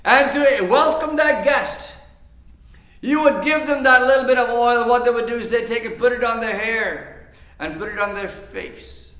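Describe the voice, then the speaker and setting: A man preaching a sermon as pastor, talking straight to his listeners and swinging from hushed, quiet passages to loud, emphatic ones. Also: very high-pitched, moderate pace. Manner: conversational, asks the audience directly. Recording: echoey church room.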